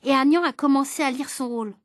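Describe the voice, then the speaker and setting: A woman reading a children's storybook aloud in a lively, even-paced storytelling voice. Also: high-pitched, quick pace, no room sound, clean studio sound.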